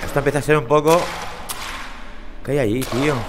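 A young man with a Spanish accent from Spain, commentating a horror game as he plays, calling out loudly and then muttering low and jumpy. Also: steady tone, a little fast, noisy background. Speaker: gamer playing a VR horror game. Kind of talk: let's play commentary.

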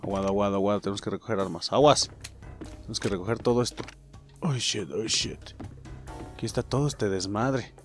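A young man with a Mexican Spanish accent, commenting on his own gameplay with excitable, profane jokes aimed at his viewers. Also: on the low side, a little fast, pauses often, soft background music. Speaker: gaming channel host.

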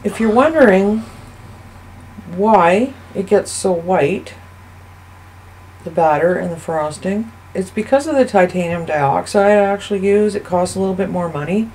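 A woman hosting a soap-making channel, giving a casual, chatty voice-over that rambles and thinks out loud as she goes. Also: medium pitch, unhurried, a little hiss or hum, rough recording. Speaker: soap maker and channel host. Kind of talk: casual voice-over narration of a craft video.

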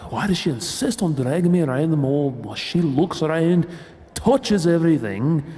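A man's voice: a little high, lively intonation, moderate pace, warm tone, slightly rough. A man playing a reluctant young boyfriend in an audio role-play, grumbling in a wry, exasperated way.

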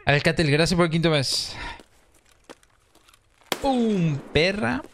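A man with an Argentine accent giving excitable live gameplay commentary, swearing and mixing in English slang. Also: a little high, slow, slight background noise. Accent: Argentine Spanish. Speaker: streamer.

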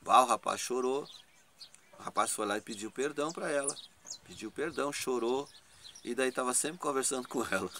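A man's voice: medium pitch, a bit bright, a little hiss or hum. A man giving an informal preaching testimony, rambling, laughing often and asking 'né?' to his listeners.

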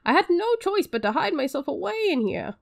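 A woman voicing a fussy male quack doctor with a weird lisp, reading his lines slowly and drawn out. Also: very high voice, very animated, gravelly, voice pushed up, exaggerated voice.

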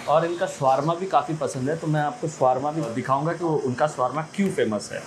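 A food vlogger in his thirties reviews food in a casual, chatty way on a lapel mic, mixing in English phrases, first inside a small restaurant and later out on a busy street. His voice is a little high and brisk, with crowd noise and poor audio.

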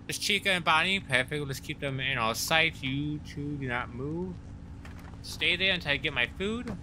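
Excitable man narrating a horror game. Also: on the high side, normal speed, background noise. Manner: excitable, swears when startled, talks to the game characters. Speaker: let's play host. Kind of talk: horror gameplay commentary.

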